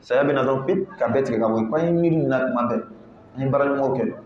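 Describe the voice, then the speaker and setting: A man's voice: mid-range voice, a little hiss or hum. Man teaching Quran recitation. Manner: drills pronunciation slowly, syllable by syllable. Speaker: religious teacher. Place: mosque. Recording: echoey, muffled room recording.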